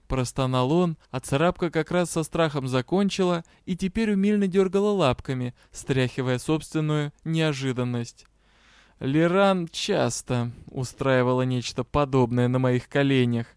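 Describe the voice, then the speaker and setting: A man reading fantasy fiction aloud as an audiobook narrator, in an even storytelling manner. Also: on the high side, clear, resonant tone, no room sound, studio quality. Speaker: audiobook reader. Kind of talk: scripted narration.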